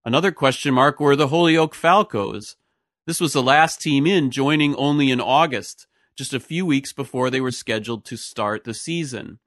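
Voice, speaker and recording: A man's voice: mid-range voice, moderate pace, fairly bright tone, no echo, clean studio sound. A man reading a scripted history narration as a podcast host. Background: music.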